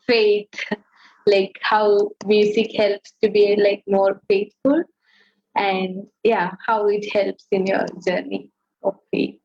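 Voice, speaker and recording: A woman hosting a casual online chat, speaking haltingly with many fillers. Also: medium pitch, darkish tone. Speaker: host. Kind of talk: casual chat over video call. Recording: dull lo-fi call audio.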